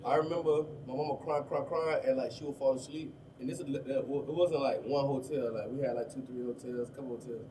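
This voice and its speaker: A man's voice: mid-range voice, steady tone, mellow. A man of thirty with a Miami accent, talking casually as an interview guest about his life, in loose street slang. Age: 30s. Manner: fast, loose street slang, lots of "you know what I'm saying". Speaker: rapper guest. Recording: distant mic with faint room noise.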